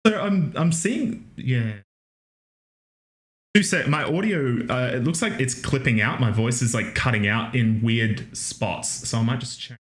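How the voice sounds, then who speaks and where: A man with a voice of middling pitch gives a casual live-streamed lecture, chatty and quick to joke. His choppy audio cuts off the ends of his words, and the room around him sounds echoey. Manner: chatty, joking, restarts words. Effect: choppy audio from a noise gate clipping word endings. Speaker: online lecturer. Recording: echoey room on a home mic.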